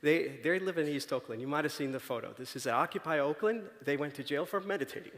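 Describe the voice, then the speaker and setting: Speaking quickly in a slightly high, fairly bright voice, a male conference speaker gives a conversational, story-driven talk from a large auditorium stage. He keeps checking in with the audience by asking "right?", and the recording carries the long reverb of a big hall.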